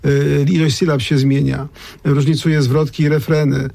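Gravelly-voiced man talking on radio. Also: fairly high pitch, flat delivery, moderate pace, mellow, no room sound. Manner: thoughtful, digressive, many restarts. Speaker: lyricist and translator, guest. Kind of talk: radio conversation.

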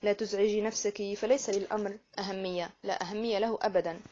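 A woman voicing a shrewd older male detective in an audiobook, reasoning in a measured way. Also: medium pitch, fairly even intonation, mellow, highs cut off, natural voice. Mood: soothing. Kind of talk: audiobook character reading.

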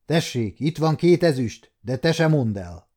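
A man's voice: on the high side, animated, mellow, slightly rough, voice pushed up. An adult man voicing a scheming, domineering nobleman who speaks in a commanding, mocking way. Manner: commanding, sneering.

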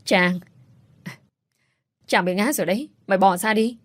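A woman's voice: medium pitch, measured pace, dry recording, close to an everyday voice. A woman voicing a young man who speaks bitterly to his brother, with faint music behind. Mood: defiant.

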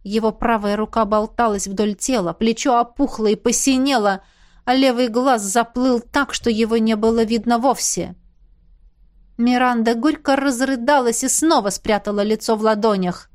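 A woman reading an audiobook in a steady, tense storytelling manner. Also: on the high side, moderate pace. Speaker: audiobook narrator. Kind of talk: scripted narration.

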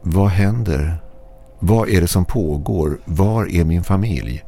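A man's voice: low-pitched, lively intonation, mellow, faint music behind. A man voicing a grieving old retired male detective who pleads and cries out, in a horror radio story. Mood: bewildered. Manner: pleading, crying out.

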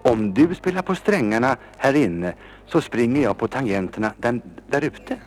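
A man voicing a small, playful male creature in a storybook reading, talking softly and cheekily. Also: mid-range voice, lively intonation, lightly acted. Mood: eager.

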